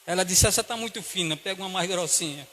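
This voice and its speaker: Man, Brazilian Portuguese accent, pastor, sermon, storytelling, hushed to loud, reverberant church hall. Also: high-pitched, fast. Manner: acts out voices in a story, swings from hushed to loud preaching.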